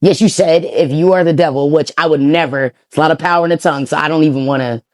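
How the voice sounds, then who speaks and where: A woman hosting an interview, playful and quick to push back in a sit-down chat. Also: low-pitched. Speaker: interview host. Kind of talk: unfiltered sit-down conversation.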